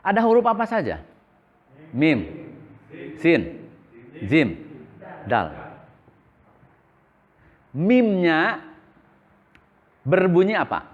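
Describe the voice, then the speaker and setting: Lively teacher quizzing his class. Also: on the high side, drawn-out words, long pauses, highs cut off. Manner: repeats questions and answers them himself. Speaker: Islamic boarding school teacher. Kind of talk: classroom lesson with call-and-response questions.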